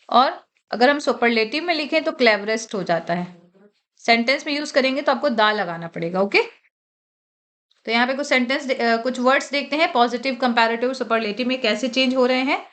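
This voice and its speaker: High-voiced woman teaching grammar. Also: a bit bright. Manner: reads English rules slowly, then explains in Hindi with frequent "okay?" checks. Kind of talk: exam-prep grammar lecture.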